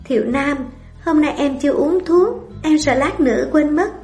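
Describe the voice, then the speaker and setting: Audiobook: fragile, timid young wife, higher and hushed, woman reader doing the voice, roomy echo with faint music. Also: moderate pace. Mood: eager. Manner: soft, hesitant and childlike.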